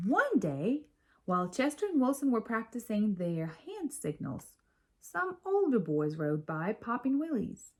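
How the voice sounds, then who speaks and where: A woman reading a children's story aloud in an expressive, measured storytelling manner. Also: medium pitch, husky. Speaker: storybook reader.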